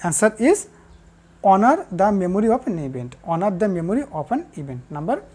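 A woman teaching a class, repeating the key answers and pausing with fillers. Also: medium pitch, big pitch swings, darkish tone, breathy edge. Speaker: English teacher. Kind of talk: recorded classroom lesson.

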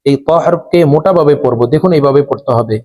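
A man with a slightly high voice leads a recitation lesson. He spells out each letter with its vowel mark in a calm, measured way, then chants whole words slowly with the long vowels drawn out. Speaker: Quran recitation teacher.

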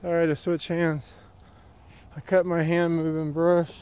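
A man's voice: on the high side, level tone, a little slow, darkish tone, clear, resonant tone. Chatty man hiking a trail. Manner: chatty, plainspoken, rambling. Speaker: vlogger. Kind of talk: casual walking commentary. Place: wooded dirt trail outdoors. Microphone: handheld phone camera while walking.

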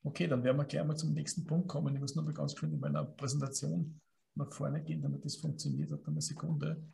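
Austrian man, host, brisk, very gravelly voice, slightly higher pitch. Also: flat delivery, dark tone. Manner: brisk, managing the show. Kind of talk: live stream hosting. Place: studio room with concrete wall.

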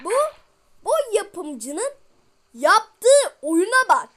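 A woman's voice: very high voice, sing-song, drawn-out words, fairly bright tone. A young girl commentating on a game she is playing, getting frustrated and exclaiming at it. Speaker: gameplay streamer. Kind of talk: let's play commentary.

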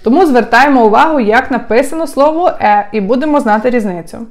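Woman teaching with slow, clear repetition. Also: on the high side. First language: Ukrainian. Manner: slow, clear, repeating phrases for learners. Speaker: Italian teacher. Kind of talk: language lesson.

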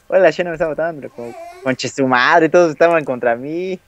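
A young gamer chats playfully while playing a video game, teasing and laughing a lot. His voice is a little high and he talks at a moderate pace.

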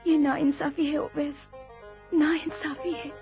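A woman's voice: high voice, flat delivery, a little slow, highs cut off, music in the background. A woman voicing a reproachful young woman in a dubbed TV drama, talking in a pleading way. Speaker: dubbing actor.

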